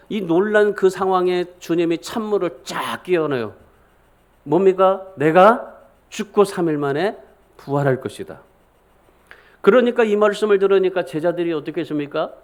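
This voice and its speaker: A man's voice: high voice, darkish tone. A middle-aged male pastor preaching a sermon in a church, emphatic and often putting questions to the congregation. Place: church sanctuary.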